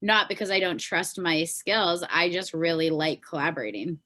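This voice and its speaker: A woman with a Canadian accent, a pop singer-songwriter appearing as a podcast guest, speaks at a moderate pace in a lowish voice that is bright and forceful. The interview is a casual chat, and she talks informally and ramblingly, often trailing off.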